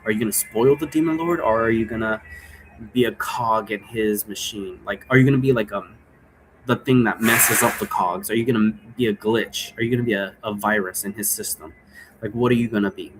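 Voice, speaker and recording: Talking fairly quickly in a fairly low voice, this game creator and presenter riffs casually through an unscripted explainer, digressing and asking rhetorical questions. Background noise is audible.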